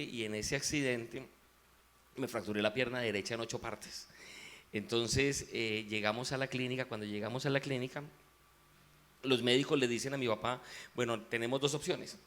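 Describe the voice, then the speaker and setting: Speaking with a Colombian paisa accent, this musician guest shares his faith testimony in an interview at a calm, reflective pace. His voice sits at medium pitch with a fairly bright tone.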